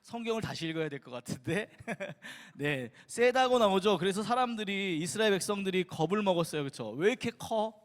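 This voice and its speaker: A man preaching to children in a church sanctuary, playful and full of questions for his young listeners. His voice sits high for a man. The hall gives it a long, ringing reverb. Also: lively intonation, brisk, few pauses. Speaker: children's pastor. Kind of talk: children's sermon.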